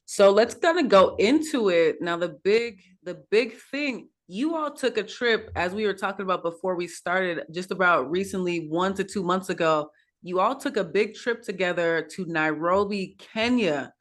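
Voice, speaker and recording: A woman's voice: medium pitch, animated, normal speed. Upbeat woman hosting a video call panel. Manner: upbeat, loose, many fillers. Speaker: host. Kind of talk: online panel talk show hosting.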